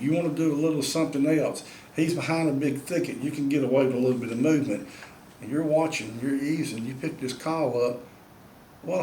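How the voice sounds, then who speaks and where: A man with a medium-pitched, slightly mellow voice gives a folksy, drawling demonstration tutorial on caring for turkey pot calls, calling out "y'all" to his viewers. He's a turkey call maker and instructor, recorded in an echoey room with a little hiss or hum.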